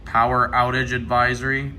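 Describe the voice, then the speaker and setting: An American radio hobbyist from Ohio speaks in a mid-range voice that is bright and forceful yet completely flat in delivery, at a moderate pace. He thinks aloud and mutters through menu items in casual, hands-on commentary on an unboxing, over clear background noise.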